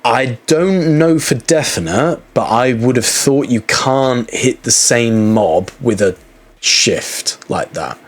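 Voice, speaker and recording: A man's voice: mid-range voice, animated. A man acting as game master, explaining rules and narrating the action in a tabletop game. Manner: rules talk and quick narration.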